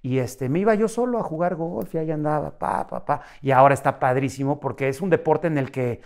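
A man with a Mexican accent, a guest in a casual interview, telling animated stories and acting out dialogue. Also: a little high, brisk. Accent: Mexican Spanish. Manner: animated, acts out dialogue with shifts in voice.

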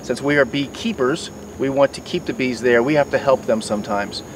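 A man's voice: mid-range voice, brisk. A middle-aged man in a garden, explaining beekeeping tools step by step with many fillers and restarts. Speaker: beekeeping mentor. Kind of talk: outdoor demonstration. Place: outdoors by garden foliage. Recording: distant mic, outdoor noise.

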